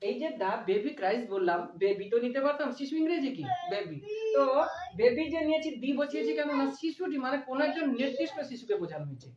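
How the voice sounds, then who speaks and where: A woman's voice: sits high, big pitch swings, a little mellow, slight background noise. Bengali-speaking woman teaching English grammar. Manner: repeats key phrases slowly and asks questions to answer herself. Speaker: English teacher and channel host. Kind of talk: Bengali-medium grammar lesson. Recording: echoey, dull lo-fi room sound.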